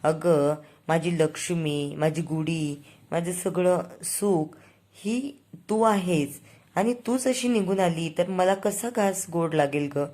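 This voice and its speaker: A woman's voice: fairly low pitch, takes it slowly, mellow. A woman reading a coaxing, teasing young husband. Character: affectionate young husband coaxing his wife.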